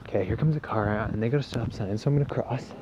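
A man with a low voice talks casually and hesitantly, his speech a little puffy-cheeked after having wisdom teeth out. He meanders in a laid-back way, as if walking and thinking aloud. The phone recording is dull and swamped by loud outdoor noise. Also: fast talker. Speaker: solo podcast host. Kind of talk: casual rambling walk-and-talk monologue. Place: outdoors walking on a residential street. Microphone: handheld phone. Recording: noisy outdoor phone recording, wind, passing cars.

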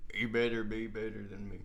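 A man playing a theatrical, grief-stricken hungry man with a gravelly voice, in an improvised comedy sketch. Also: fairly low pitch. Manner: swooping, theatrical, whiny.

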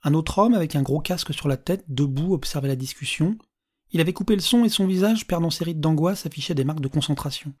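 A narrator reading a story aloud in a calm, measured audiobook style. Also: mid-range voice.

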